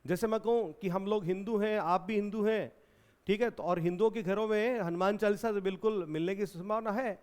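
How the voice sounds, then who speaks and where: High-voiced Indian grammar teacher. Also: male voice, a little fast, darkish tone. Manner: explains in Hindi, repeats questions to students. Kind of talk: exam-prep grammar lesson.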